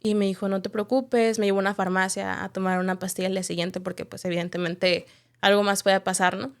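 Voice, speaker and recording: Talking fast with vocal fry and a flat delivery, this medium-pitched woman gives a podcast guest testimony. She is candid and reflective, repeatedly finishing her points with "right?".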